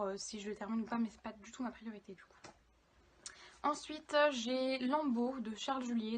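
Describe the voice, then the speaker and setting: A young woman chats in a casual reading vlog, her voice sitting a little high. She talks loosely and hesitantly, often stopping on fillers. It sounds like a phone recording with a faint hiss underneath. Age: young adult. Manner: chatty, many hesitations and fillers. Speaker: book vlogger. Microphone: phone camera.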